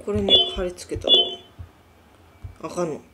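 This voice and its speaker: A woman's voice: on the low side, steady tone, normal speed, heavy background noise. A young woman with a Kansai accent doing casual horror game commentary, reading on-screen text aloud and talking to herself. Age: young adult. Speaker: gaming show host.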